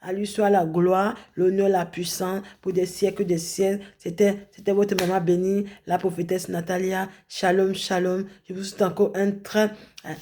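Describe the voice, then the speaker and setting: Middle-aged lady preacher doing an online deliverance prayer, warm dark voice, keeps repeating herself, shouts out in english. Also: medium pitch, level tone, moderate pace, a little hiss or hum. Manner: repetitive, fervent preaching with English call-outs. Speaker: prophetess and online prayer leader.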